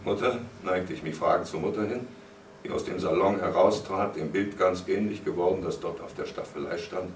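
A man giving a live literary reading with expressive narration. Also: low voice, fairly quick, a little hiss or hum. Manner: expressive narration with lively shifts. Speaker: reader. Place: cinema hall, live reading. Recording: roomy hall, mic far off.

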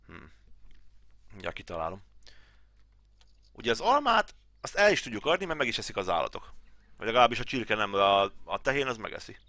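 A man's voice: on the low side, sing-song, pauses often, bright, forceful tone, no echo. A man in his thirties from Hungary, casually thinking aloud as he plays through a farm game tutorial at home. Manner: thinking aloud, chatty, mutters to himself. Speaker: gaming channel host.

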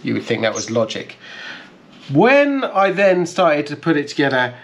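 At a table in a bright conservatory full of plants, a man in his thirties hosts his car restoration channel's casual vlog, giving hands-on, step-by-step explanations. His fairly high voice has huge pitch swings at normal speed. A little hiss or hum sits in the recording.

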